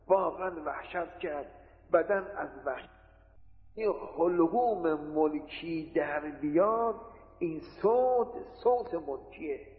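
A man delivers a religious lecture in a fairly high voice, working through his points with rhetorical questions and homely examples. The sound is tinny and thin, as if from an old lo-fi tape, and his words ring out with a long echo through a large hall. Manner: explanatory, poses rhetorical questions and gives examples. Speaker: preacher. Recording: tinny lo-fi recording in an echoey hall.

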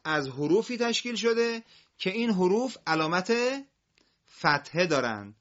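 A man teaching a broadcast classroom lesson on Quran reading, patiently drilling single syllables loudly for his pupils and listeners. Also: high voice, very animated, highs cut off.

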